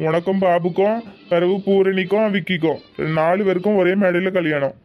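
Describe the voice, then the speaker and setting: A woman voicing a mild, agreeable elderly husband in an animated family drama. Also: on the low side, normal speed, dull audio, lightly acted.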